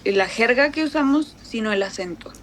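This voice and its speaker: A woman's voice: on the high side, normal speed, a little hiss or hum. Chatty Mexican woman with a northern accent. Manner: chatty, animated storytelling with many fillers. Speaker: guest. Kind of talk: casual conversation.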